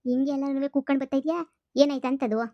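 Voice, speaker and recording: A woman's voice: high voice, level tone, fast, dry recording, lo-fi sound. A woman voicing a stern, exasperated village mother-in-law in a cartoon comedy, speaking. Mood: scolding. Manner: sharp, scolding, exasperated.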